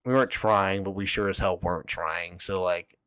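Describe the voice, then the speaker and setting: Telling a personal story on his podcast, a young man rambles, swears and peppers his talk with "like." His voice sits low with a steady, fairly bright and clean tone at a normal speed. There's no room sound.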